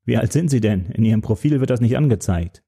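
A man's voice: medium pitch, expressive, fast, vocal fry, dark tone, husky. A man voicing a cocky young male firefighter who talks breezy and teasing in a storybook.

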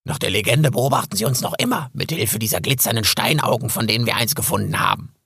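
A scruffy, boastful raven croaks and scolds in a bright, gravelly, husky voice. He talks theatrically, rising high and dropping low. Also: animated, quick pace, no room sound, studio quality, exaggerated voice. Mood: storytelling. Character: grumpy scruffy male raven, boastful and cranky. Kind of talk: audiobook character voice.

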